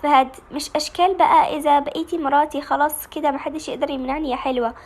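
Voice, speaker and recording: A woman's voice: sits high, steady tone, fast talker, natural voice. A woman with an Egyptian Arabic accent voicing a possessive, hot-tempered young husband, talking in a domineering way.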